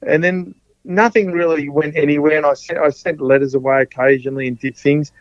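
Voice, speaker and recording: Rambling Australian man, slightly high voice. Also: steady tone, brisk, dry recording. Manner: rambling, restarts and repeats words often. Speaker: podcast guest, former rugby league player. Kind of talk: casual storytelling. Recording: dull, dry sound.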